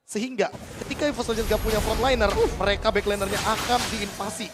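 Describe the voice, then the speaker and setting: High, fast-talking male esports analyst. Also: steady tone, music in the background. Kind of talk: live match analysis commentary.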